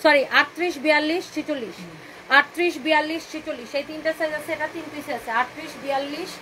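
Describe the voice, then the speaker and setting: Fast, high-voiced woman selling live. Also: fairly even intonation, bright, forceful tone, a little hiss or hum, poor audio. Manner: chatty, repetitive hard sell, mixes in English phrases; bantering with viewers' comments. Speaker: boutique owner hosting a live sale. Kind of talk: live-stream sales pitch.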